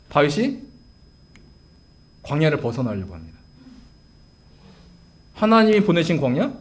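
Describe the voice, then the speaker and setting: Lively high-voiced male pastor preaching. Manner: asks the congregation questions and answers them. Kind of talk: sermon.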